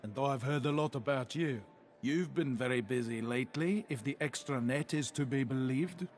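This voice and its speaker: An actor playing a smug male crime lord with a South African accent, smooth and condescending in a video game. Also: mid-range voice, moderate pace, close to an everyday voice. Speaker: villain in a game.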